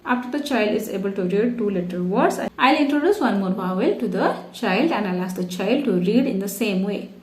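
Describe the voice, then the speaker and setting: A woman's voice: medium pitch, lively intonation, a little fast, few pauses, darkish tone. A woman teaching preschool phonics, patiently explaining activities and stretching out letter sounds for children to repeat. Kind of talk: instructional phonics demonstration. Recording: echoey room.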